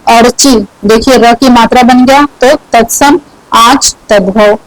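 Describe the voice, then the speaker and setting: Slow, deliberate woman teaching grammar. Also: a little high, no echo, poor audio. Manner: repeats each word, asks and answers her own questions. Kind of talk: slow explanatory lesson.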